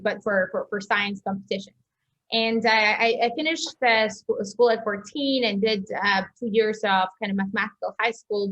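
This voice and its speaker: Here the Serbian doctor and entrepreneur, a young woman with a medium-pitched, somewhat bright voice, chats about her own life as an interview guest. Her delivery is halting, with lots of hedging and correcting herself, on a slightly muffled recording.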